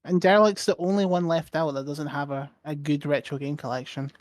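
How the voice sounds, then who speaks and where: A man's voice: a little high, steady tone, fairly quick, no echo. A young man co-hosting a casual podcast, jokey and mock-indignant, laughing often. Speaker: podcast co-host.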